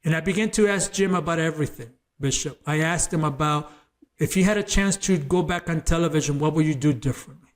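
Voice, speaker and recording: A man's voice: fairly high pitch, a little fast. A man who is a former gang member, a guest on an interview show, tells his personal testimony as a story, earnest and emphatic, often repeating words as he builds up.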